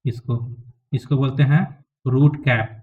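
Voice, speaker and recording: A man's voice: medium pitch, steady tone, a little slow. Male teacher, classroom lecture, step-by-step explaining, keeps checking students follow, phone-like lo-fi sound. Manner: explains step by step, often checks with "ठीक है" and "समझ में आ गया?". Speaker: biology teacher. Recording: tinny phone-like lo-fi recording.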